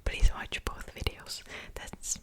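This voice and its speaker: Slow, repetitive word drills fill this whispered ASMR Korean lesson led by a young woman from the Czech Republic. Her soft voice carries a Czech accent.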